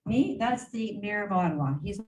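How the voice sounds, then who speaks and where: Her mid-range voice has a darkish tone, lively intonation and a moderate pace. As a regional council warden whose first language is English, she gives mayors an informal, unscripted meeting report that rambles chattily, with many fillers and false starts. The audio is distant, with a faint hum of room noise.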